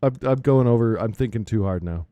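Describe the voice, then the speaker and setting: A man streaming a game, chatting casually and rambling with frequent laughs into a close mic on a boom arm. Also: fairly quick, no room sound. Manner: rambling, relaxed, laughs often. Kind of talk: casual chat while gaming. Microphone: close studio mic on a boom arm.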